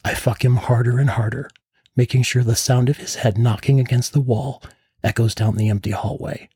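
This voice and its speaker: Man, husky breathy voice, calm first-person narration, dry close sound. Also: medium pitch, moderate pace, no echo. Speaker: podcast narrator.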